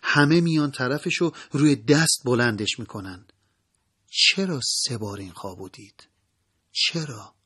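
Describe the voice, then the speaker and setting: A man narrating a first-person memoir in a measured, solemn way that often drops soft. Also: mid-range voice, breathy edge.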